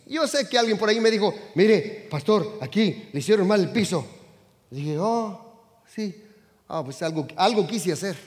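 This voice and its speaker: A pastor in his sixties preaching a sermon, with animated shifts between loud calls to the congregation and quiet asides. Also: sits high, measured pace. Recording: long hall reverb.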